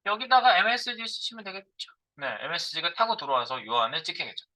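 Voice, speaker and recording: A man's voice: high voice, sing-song, fast talker, sharp tone, rough recording. A middle-aged man giving a live coding lecture as a programming instructor. He thinks aloud while he types, asking and answering his own questions.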